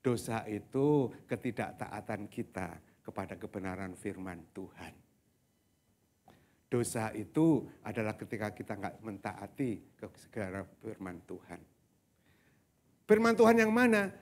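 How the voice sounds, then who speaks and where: A man's voice: on the low side, expressive, a little slow, long pauses. A man preaching a sermon as pastor, speaking conversationally and often addressing his congregation directly. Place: church service, live-streamed.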